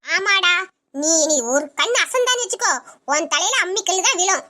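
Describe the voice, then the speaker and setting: A woman's voice: very high-pitched, expressive, normal speed, bright, forceful tone. A woman playing a wailing, bossy new bride in a comic couple sketch. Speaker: new bride in a comedy skit.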